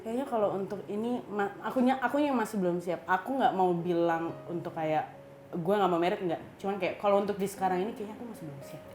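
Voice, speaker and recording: A woman in her thirties with an Indonesian accent, a panel guest talking in a chatty, animated way with many fillers. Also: mid-range voice, fast talker, soft background music. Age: 30s. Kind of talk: casual chat. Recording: roomy echo.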